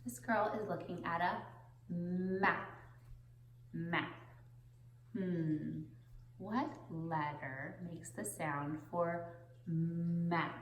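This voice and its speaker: A young woman teaching a children's phonics lesson in a deliberate singsong, pausing for the listener to repeat. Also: lowish voice, fairly even intonation, slight background noise. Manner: slow, deliberate singsong with pauses for repetition. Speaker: preschool teacher. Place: indoor classroom, seated on the floor. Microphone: camera a few metres away. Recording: roomy echo from camera distance.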